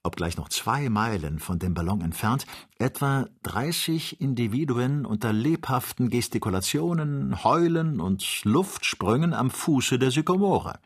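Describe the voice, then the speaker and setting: A man reading an audiobook, narrating with steady, vivid storytelling. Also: medium pitch, a little slow, slightly rough. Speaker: audiobook reader. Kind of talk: scripted narration.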